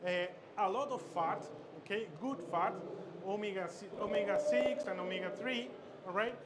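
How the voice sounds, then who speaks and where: Over the din of a busy expo hall, a male chef from Chile runs a live cooking demo from the stage. He speaks at a raised pitch, stumbling along with frequent fillers and repetitions.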